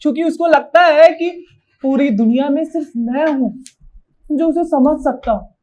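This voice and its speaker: A woman's voice: high voice, moderate pace, mellow, lo-fi sound, natural voice. A woman playing a gloating ruthless seducer. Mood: sly gloating. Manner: sly, gloating asides to the audience. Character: scheming male seducer confiding in audience. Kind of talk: stage play acting.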